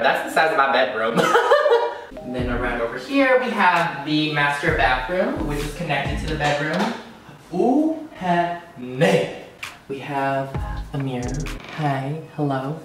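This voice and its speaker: A beauty vlogger in his twenties from Washington State gives a bubbly, gushing tour of his large, empty apartment, full of sassy exclamations, in a casual vlog. His voice is a little high. Filmed with a handheld camera at arm's length and a far camera, the sound is very echoey with a distant mic and music behind.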